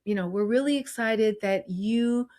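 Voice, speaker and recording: A woman's voice: a little high, moderate pace, darkish tone. A middle-aged woman doctor co-hosting a podcast, talking in an earnest, reflective way with frequent restarts. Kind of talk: casual podcast chat.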